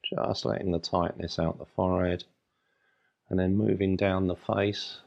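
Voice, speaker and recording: Low, gravelly man guiding a meditation. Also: level tone, a little mellow, muffled recording. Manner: soothing, unhurried instruction in short phrases with long pauses. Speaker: meditation guide. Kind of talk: guided meditation.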